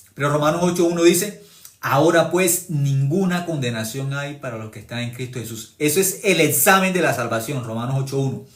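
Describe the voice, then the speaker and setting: Emphatic male preacher in an echoey room. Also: medium pitch. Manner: emphatic, repeats phrases, quotes scripture at length. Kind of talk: sermon.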